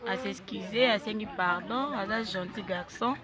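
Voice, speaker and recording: A woman, hosting a live video from an orphanage, chattily greeting viewers one by one with lively exclamations. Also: mid-range voice, moderate pace, very noisy. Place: orphanage, among children. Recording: loud crowd chatter behind.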